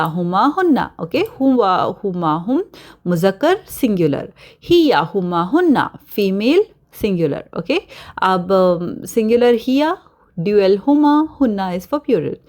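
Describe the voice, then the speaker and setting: A woman teacher leads an online Arabic grammar lesson at an unhurried pace. She pronounces each word slowly and repeats it, then explains it in Hindi-Urdu mixed with English. A steady "okay" keeps the lesson moving. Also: medium pitch.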